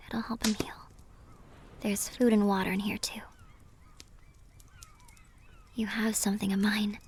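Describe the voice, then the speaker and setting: Hushed and caring, a woman portrays a gentle, enigmatic siren for a cinematic audio roleplay. She sounds guarded and wistful at medium pitch, choosing her words with measured care and frequently sinking into a breathy whisper.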